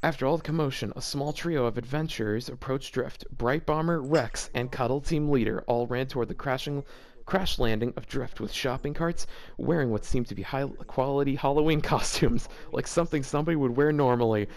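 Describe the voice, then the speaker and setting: Reading fan fiction aloud for a video series, this male host talks briskly in a medium, darkish voice. The session is casual, full of rambling and jokey tangents.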